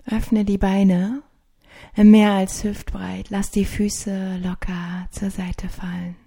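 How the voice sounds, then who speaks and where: A woman narrating a guided sleep meditation in a soft, hushed, soothing, partly whispered voice with long pauses, like a sleep story narrator. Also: medium pitch, flat delivery. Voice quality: soft, breathy.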